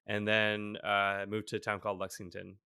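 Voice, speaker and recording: A man in his thirties talks through a video call from home, rambling easily with plenty of fillers and the odd self-deprecating laugh. His voice is bright and crisp, and the recording is dry and close. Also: fairly low pitch, monotone, a little fast, dry recording. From Boston area, USA. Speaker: guest, tech CTO. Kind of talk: casual interview.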